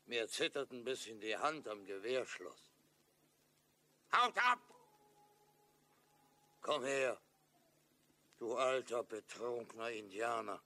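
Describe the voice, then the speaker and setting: A man's voice: medium pitch, animated, takes it slowly, long pauses, pushed and bright. A male actor in a German audio drama, playing an old frontier hunter with a dry, threatening manner. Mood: quietly menacing.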